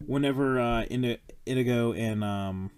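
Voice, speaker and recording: A man's voice: medium pitch, normal speed, darkish tone, clean tone. A man hosting a podcast, chatting casually about a film, rambling with lots of fillers, restarts and swearing. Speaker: podcast host.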